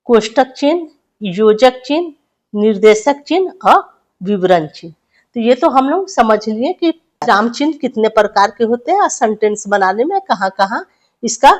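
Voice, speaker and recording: A woman's voice: fairly high pitch, a little mellow. A woman teaching grammar to schoolchildren, who asks questions and answers them herself and repeats phrases. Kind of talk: classroom grammar lesson for children.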